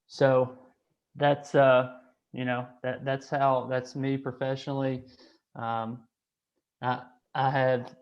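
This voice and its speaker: A man's voice: medium pitch, flat delivery, takes it slowly, pauses often. A man, hosting an online meeting in a hesitant way, with many restarts and fillers. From Kentucky, USA. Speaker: association director hosting a call. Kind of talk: casual online meeting talk. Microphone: video call. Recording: slightly dull call audio.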